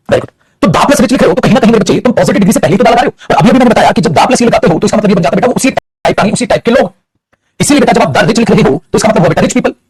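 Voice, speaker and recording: A man with a high, darkish voice and a breathy edge teaches English grammar to a class, speaking with a Bhojpuri-tinged Hindi accent. He moves between Hindi and English and addresses his students as beta. There's no echo.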